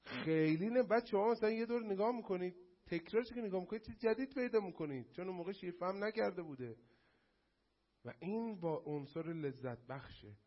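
A man giving a lively lecture to a class, addressing the students directly and acting out quotes to make his point. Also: high-pitched, highs cut off. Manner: animated, addresses the class, acts out mocking quotes.

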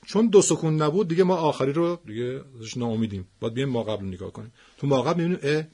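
Gravelly, husky male teacher. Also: medium pitch, animated, warm tone. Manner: patient, repeats words slowly for practice. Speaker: Quran recitation teacher. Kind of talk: explaining stress rules of Quranic Arabic.

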